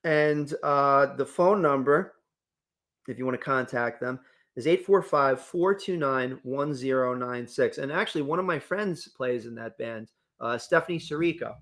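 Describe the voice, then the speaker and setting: A man's voice: medium pitch, normal speed, a bit bright. A man co-hosting a casual local morning radio show, upbeat and reading sponsor plugs with enthusiasm.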